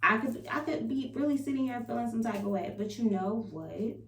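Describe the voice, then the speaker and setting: Talking confessionally and casually to her viewers, a woman vlogger is frank and emphatic, swearing freely and repeating affirmations. Her voice runs on the high side, animated and brisk with a fairly bright tone. Roomy echo, a faint hum and a distant mic mark the recording.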